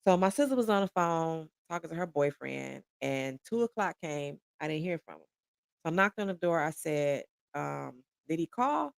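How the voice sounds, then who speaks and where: A woman from Detroit, a podcast guest, telling a personal story in an animated, conversational way. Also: deep voice, normal speed, creaky, clear, resonant tone, no room sound.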